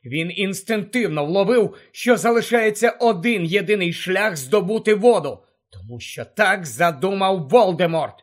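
A man's voice: expressive, measured pace. A man narrating a fantasy audiobook with tense, urgent storytelling. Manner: tense, urgent storytelling that drops low and quiet for dark moments.

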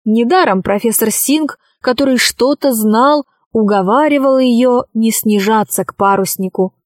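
A woman narrating a children's story in a slow, deliberate storytelling manner. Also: a little high, dry recording, studio quality.

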